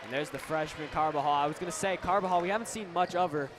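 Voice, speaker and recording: High-voiced teen boy calling a game. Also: fast. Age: teens. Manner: excited, rises to loud calls at big moments. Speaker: student play-by-play announcer. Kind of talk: sports commentary. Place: school gym. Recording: noisy gym broadcast.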